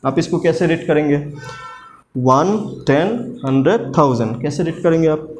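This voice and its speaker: A man's voice: a little high, normal speed, a little hiss or hum. A man teaching a maths lesson, patiently asking questions and answering them himself, repeating each step and mixing English terms into his talk. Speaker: maths tutor.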